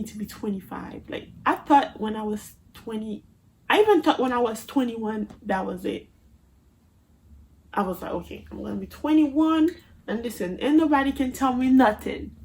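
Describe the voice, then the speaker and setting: Recording a chatty, playful vlog on her phone camera, this twenty-something vlogger speaks with a Haitian Creole accent to her viewers. Her fairly high voice comes through on a low-quality recording with a little hiss or hum.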